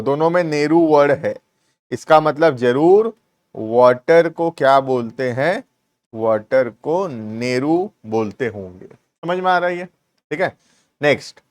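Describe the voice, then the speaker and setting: Man, teacher, fairly high voice, unhurried, dictates word by word, checks understanding often. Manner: dictates English sentences slowly word by word; keeps checking understanding with "clear?". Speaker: commerce reasoning teacher. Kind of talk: classroom-style video lesson.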